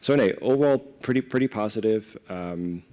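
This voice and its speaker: At a live event before an audience, this interview guest, a corporate director from Denmark with a Danish accent, gives informal, conversational panel answers and often asks "right?". His warm voice is fairly low in pitch and fairly quick.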